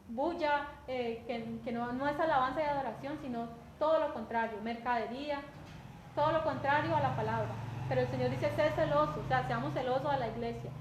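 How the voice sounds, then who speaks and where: Una mujer con acento colombiano que predica un sermón en tono conversacional, repitiendo palabras y preguntando a menudo «¿cierto?». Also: female voice, high-pitched. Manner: conversational, repeats words, often asks "¿cierto?". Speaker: preacher. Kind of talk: sermon. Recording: echoey room with faint background noise.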